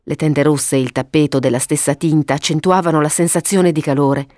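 Low-voiced woman reading a story. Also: brisk, darkish tone, dry recording, clean studio sound. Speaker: narrator. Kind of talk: storybook narration.

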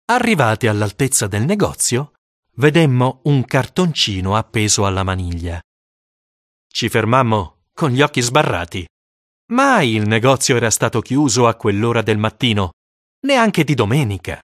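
A man narrating a first-person story for an audiobook, with dramatic, expressive storytelling. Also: mid-range voice, moderate pace, no room sound, studio quality.

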